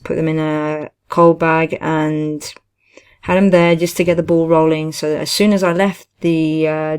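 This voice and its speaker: A woman chatting casually and giving personal advice, in a hesitant, halting way with frequent self-corrections. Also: low voice, a little mellow, clean tone. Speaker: vlogger, teaching assistant.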